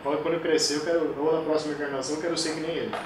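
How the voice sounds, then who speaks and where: Speaking very fast in a voice on the high side, a forties-aged kettlebell sport coach recounts stories with energy during a casual interview, imitating the people he quotes. The distant mic picks up room echo and background noise.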